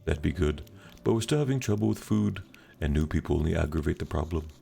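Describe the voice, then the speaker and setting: A man voicing a weary, earnest male refugee leader in a measured tone. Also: extremely low pitch, vocal fry, warm tone, a little hiss or hum, voice pushed down, exaggerated voice.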